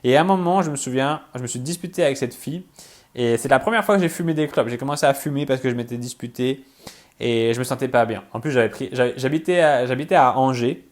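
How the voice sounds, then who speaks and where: A man who works as a relationship coach, explaining in a casual video talk, talking fast, full of fillers and restarts, often checking in with "ok?". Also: mid-range voice. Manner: talks fast.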